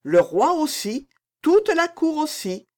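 A woman reading the part of an older queen mother who answers her son calmly and with gentle reproof. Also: high voice, slow, voice pushed up, full character voice. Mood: composed.

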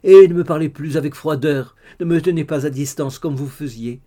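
A man's voice: a little high, normal speed, warm tone, natural voice. A man reading the lines of a tearful, ardent young woman in an audiobook, with fervent, sobbing pleas. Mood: tearful, pleading.

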